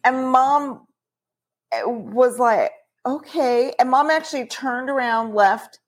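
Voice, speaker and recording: A woman who leads a childcare program, telling stories about children in a relaxed podcast conversation. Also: high voice, slow.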